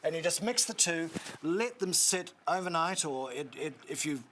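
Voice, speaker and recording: A man's voice: fairly high pitch, animated, normal speed, fairly bright tone, slight background noise. A man with a New Zealand accent demonstrating a recipe on a cooking show, chatty and instructive with joking asides.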